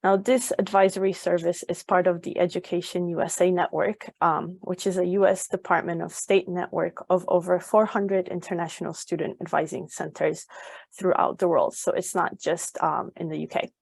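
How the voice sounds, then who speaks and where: A woman's voice: lowish voice, flat delivery, moderate pace, creaky, darkish tone, slightly rough, no echo. A young woman from Poland giving a webinar as an education advisor, informative and full of ums and uhs. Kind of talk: webinar presentation.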